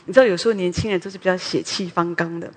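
A middle-aged woman giving a personal testimony sermon at a prayer meeting, chatty and often ending phrases with a soft "ha". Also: lowish voice, steady tone, racing. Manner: conversational, tags sentences with a soft "ha". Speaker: preacher at a women's morning prayer meeting. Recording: long hall reverb.

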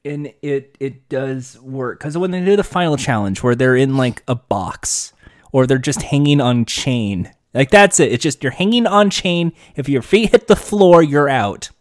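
A man's voice: mid-range voice, expressive, unhurried, no room sound. Chatty man on a dry podcast mic. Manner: chatty storyteller, swears casually. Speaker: podcast co-host. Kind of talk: casual chat.

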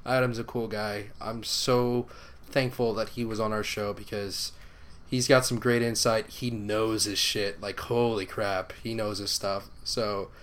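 A man's voice: on the low side, little pitch movement, measured pace, fairly bright tone. A man co-hosting a fantasy football podcast in casual chat, laid-back and joking, with casual swearing. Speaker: podcast co-host.

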